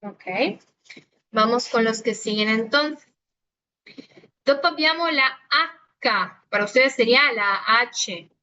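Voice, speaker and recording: A woman's voice: a little high, slow pace, pushed and bright, slight background noise. A woman whose first language is Italian, teaching an online language class in Spanish, patient and explanatory, often checking in with "ok?". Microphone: phone recording of a video call. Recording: dull phone recording of a video call.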